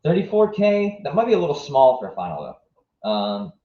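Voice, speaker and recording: Brisk and mid-range, his pitch swoops wildly as this young American man from southwest Virginia streams his live reaction to a match. He chats loosely, thinking aloud while fielding viewer messages, in a dull, echoey setting.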